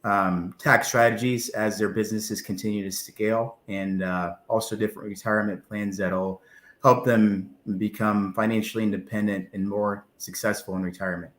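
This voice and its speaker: Low-voiced young man in an echoey room. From Zimbabwe. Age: 20s. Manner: relaxed, friendly, halting with fillers. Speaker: guest, financial planner. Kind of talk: casual interview answers.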